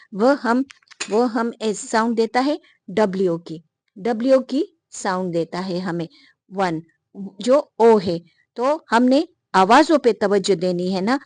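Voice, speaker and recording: A woman teaching English grammar who keeps asking and answering her own questions and reads example sentences slowly. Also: fairly high pitch, darkish tone, no echo. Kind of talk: explanatory grammar lesson.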